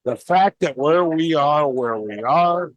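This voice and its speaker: An enthusiastic man with a St. talks in a deliberate, unhurried way, his pitch sitting a bit high. He sounds like a bar owner rallying fans in a casual chat. The sound is dry and close, with faint music underneath. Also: lively intonation, no echo, rough recording. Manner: enthusiastic, hyped-up booster. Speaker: bar owner and podcast host. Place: indoors at a bar.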